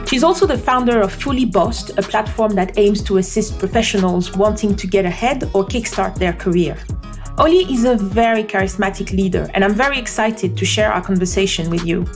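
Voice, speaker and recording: A woman podcast host gives a measured, welcoming intro and asks her questions clearly. Her pitch sits in the middle, and faint music plays under her voice. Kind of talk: scripted intro and interview questions. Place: London.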